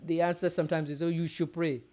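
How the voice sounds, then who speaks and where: A woman's voice: deep voice, flat delivery, fast talker, mellow. A woman from Nigeria hosting a live talk show, playful and teasing as she introduces her guests and the topic.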